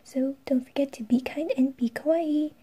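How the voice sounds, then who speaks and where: A woman narrating an art tutorial step by step in a soft, breathy whisper. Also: sits high, fairly even intonation, normal speed, no room sound.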